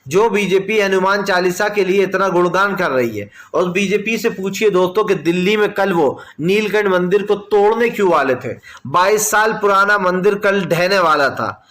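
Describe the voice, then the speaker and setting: Calling his viewers friends, a man offers argumentative, insistent political news commentary full of opinion. His voice is high and a bit bright.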